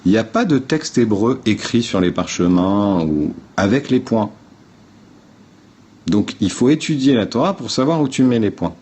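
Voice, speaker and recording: Talking to viewers on a phone livestream, this male host walks them through something step by step in casual explanatory talk. His fairly low voice is animated and a little mellow, moving at normal speed, and he's blunt and informal, cursing and speaking straight to the audience.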